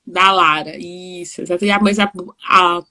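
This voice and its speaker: A woman in her forties from São Paulo with a São Paulo Brazilian Portuguese accent, chatting warmly as host of a live video call, with frequent restarts. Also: on the low side, steady tone, normal speed, a crowd in the background. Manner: chatty, warm, laughing often, many restarts. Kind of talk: casual video call chat.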